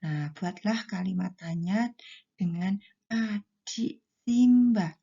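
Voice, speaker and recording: Woman, primary teacher; slow, mellow delivery with a husky edge, over a dull lo-fi recording. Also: mid-range voice. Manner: slow, deliberate explaining to pupils. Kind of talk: classroom lesson for children.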